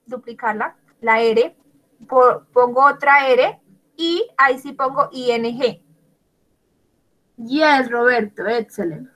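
Woman teacher going over english grammar, talks real slow and spells stuff out, praises kids by name. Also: high voice, fairly bright tone, rough recording. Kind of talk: online class explaining grammar.

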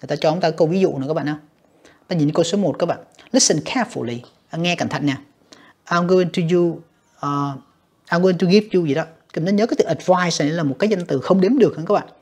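A man walks students through an exam in a slightly husky voice, repeating himself and calling to the class often. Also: a little high, quick pace, a little mellow. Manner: repetitive, addresses students directly with many fillers. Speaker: English teacher. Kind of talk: exam walkthrough lesson.

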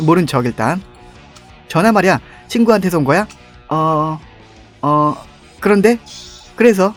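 A young man commenting casually while he plays a mobile dating game, reading its lines aloud and laughing often. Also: a little high. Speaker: gaming YouTuber.

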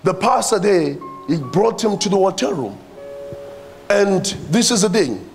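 A man's voice: high-pitched, very animated, measured pace, a little mellow, faint music behind. A man with a South African accent preaching a sermon, addressing the church and repeating his phrases for emphasis.

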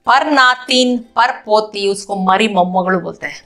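A woman with a bright, clear voice teaches kinship terms. She explains each word patiently, says it again, and asks the learners if they follow. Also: mid-range voice, unhurried, soft background music. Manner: repeats each word, checks understanding with the class. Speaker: language teacher.

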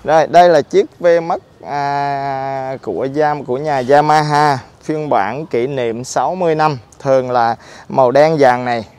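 A man's voice: mid-range voice, unhurried, darkish tone, clear, resonant tone. Man, muffled through a face mask. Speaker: motorcycle dealer presenting on own channel. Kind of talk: casual vlog product review. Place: outdoors in a public park by a street.

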